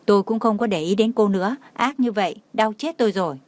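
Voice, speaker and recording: A woman's voice: medium pitch, fast, a little mellow, no room sound, natural voice. Woman voicing a whiny young man yelping. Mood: whiny complaining. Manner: crying out in pain, pleading. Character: young man, playful, whiny when hurt.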